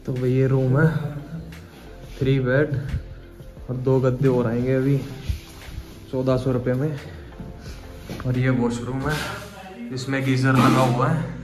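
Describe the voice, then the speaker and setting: A man's voice: medium pitch, level tone, takes it slowly, pauses often. A young man walking and casually showing viewers around a hotel and crowded temple streets for a travel vlog, speaking into a handheld phone. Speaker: travel vlogger. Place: busy outdoor temple town streets and a hotel. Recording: loud crowd and music behind. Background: crowd noise and devotional music.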